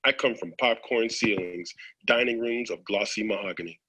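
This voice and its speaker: A man's voice: on the low side, moderate pace, pushed and bright, husky, poor audio. A man on a radio show chatting with enthusiasm and jokes, then reading a community poem. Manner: enthusiastic, jokey. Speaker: radio poetry contributor.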